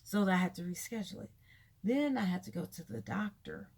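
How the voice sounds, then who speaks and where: A woman's voice: mid-range voice, lively intonation, fairly quick, darkish tone, husky. A tired woman vlogger chatting casually and candidly about her day, telling stories in a rambling way and repeating herself for emphasis. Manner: conversational, candid storytelling with emphatic repetition.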